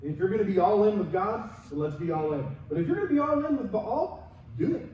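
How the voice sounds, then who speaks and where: A man preaching a sermon as a pastor, in an energetic, conversational way with rhetorical questions. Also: high-pitched, fast talker, lo-fi sound, a little hiss or hum. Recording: very echoey hall, distant mic.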